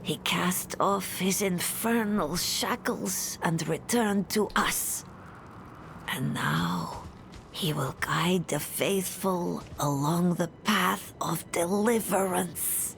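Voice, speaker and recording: An actress playing a reverent zealot preaching in a fantasy video game, solemn and breathy. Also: female voice, on the low side, expressive, slow, slight background noise. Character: reverent female zealot preaching of a returned holy father. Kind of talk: video game character voice acting.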